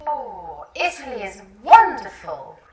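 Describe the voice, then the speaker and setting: An actress playing a chatty young Englishwoman, speaking slow, clear lesson dialogue. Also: mid-range voice, big pitch swings, recorded from a distance. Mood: friendly. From England. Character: young Englishwoman showing off her shared house. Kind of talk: scripted language-lesson dialogue. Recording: echoey room, off-mic.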